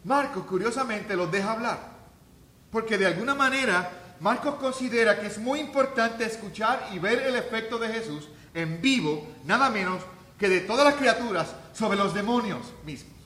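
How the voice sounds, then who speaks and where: A man preaching a sermon as pastor, talking conversationally, then rising to loud, emphatic peaks. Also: high-pitched, expressive, normal speed, roomy sound.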